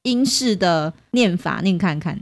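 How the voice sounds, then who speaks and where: A woman's voice: lowish voice, lively intonation, a little slow. A woman co-hosting a casual podcast, listening closely with short replies and wrapping up segments. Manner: attentive listener, short backchannels, repeats words to practice. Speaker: co-host.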